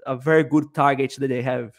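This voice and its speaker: A podcast host in his thirties runs a futsal show over a video call, using a headset and asking questions eagerly, with some restarts. His voice is medium-pitched and steady, and he talks fairly quickly.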